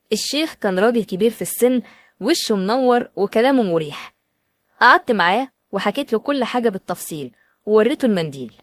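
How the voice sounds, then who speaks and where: A woman's voice: mid-range voice, no echo. A woman with an Egyptian accent, telling a dramatic first-person story in an emotional, anxious way. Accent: Egyptian Arabic.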